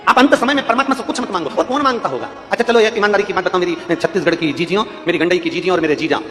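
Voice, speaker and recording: A man's voice: high-pitched, rapid-fire, fairly bright tone, big-room sound, soft background music. A man delivering a devotional scripture sermon to a large gathering, fervent and repetitive, breaking into sung verses. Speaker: religious storyteller.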